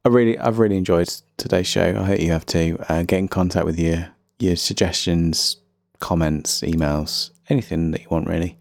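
A man's voice: low-pitched, fairly even intonation, normal speed, gravelly, hardly any pauses, dry recording, clean studio sound. A man with a faint Birmingham accent hosting a casual solo music podcast, chatty, rambling and self-deprecating. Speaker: podcast host.

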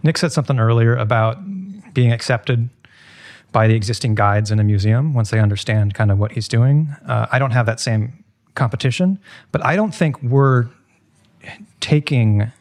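Relaxed man, casual podcast guest. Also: mid-range voice, normal speed. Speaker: guest, museum tour guide. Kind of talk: podcast conversation.

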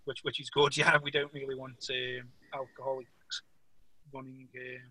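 A man's voice: mid-range voice, little pitch movement, normal speed, sharp tone, low-quality recording. A middle-aged man with a Stoke-on-Trent Potteries accent, talking casually and hesitantly as an interview guest, often restarting his words. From Stoke-on-Trent, England. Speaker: podcast guest, police officer. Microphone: remote call.

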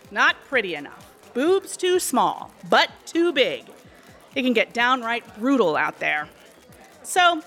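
A woman's voice: sits high, pushed and bright, full character voice. An actress in her thirties playing a sly, chatty cocktail waitress and aspiring actress in an audio drama. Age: 30s. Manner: chatty, sly, sweetly condescending. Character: scheming woman bar waitress, aspiring actress.

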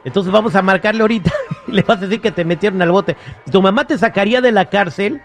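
A man's voice: high voice, quick pace, faint music behind. A man hosting a morning radio prank show, upbeat and joking. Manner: upbeat, joking, laughing often. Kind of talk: casual radio prank banter.

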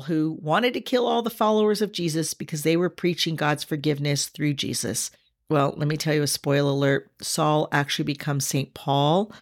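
A woman hosting a devotional podcast, speaking earnestly to listeners and slowing down to stress scripture. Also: low voice, no echo, studio quality. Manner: addresses listeners directly. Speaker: podcast host.

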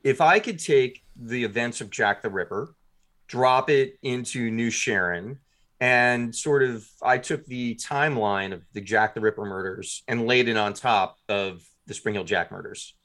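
A man appears as an interview guest, casually telling stories with self-deprecating humor, lively energy, and quoted asides. He speaks at a medium pitch and an unhurried pace.

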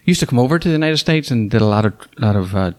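Northern Irish man, halting and fillers. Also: medium pitch, animated. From Northern Ireland. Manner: hesitant, many fillers and restarts. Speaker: school superintendent. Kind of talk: casual interview.

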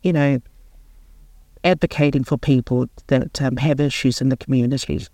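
A New Zealand woman of about sixty who chairs a local board speaks earnestly and without hurry in a radio interview, pausing as she searches for words. Her bass voice is steady and dark, and the recording is dry.

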